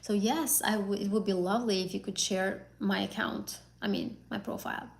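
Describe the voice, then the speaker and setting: Answering live-stream viewers as an English exam tutor, a young woman from Azerbaijan who grew up speaking Azerbaijani talks chattily with plenty of fillers, often repeating and rephrasing. Her gravelly mid-range voice keeps fairly even intonation at a normal speed.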